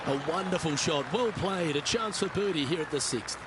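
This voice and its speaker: A high-voiced actor as a male golf commentator calls play in a video game. He is composed and courteous, with a measured, polished broadcast delivery, over clear outdoor background noise. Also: expressive, crowd noise, lightly acted. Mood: composed, approving.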